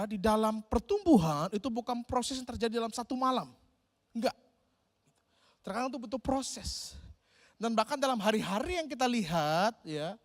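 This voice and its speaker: A man preaching a sermon in a lively, conversational way, often turning to his listeners directly and acting out the inner voices of a struggling believer. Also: high-pitched. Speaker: pastor.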